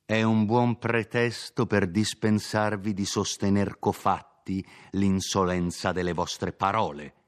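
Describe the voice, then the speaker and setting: A man voicing a proud, hot-tempered gentleman who answers an insult with measured defiance in a storybook reading. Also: lowish voice, steady tone, lightly acted. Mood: defiant.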